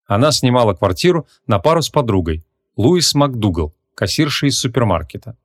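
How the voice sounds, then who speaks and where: A man reading a humorous fantasy audiobook as narrator, measured and even. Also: mid-range voice. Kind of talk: scripted narration.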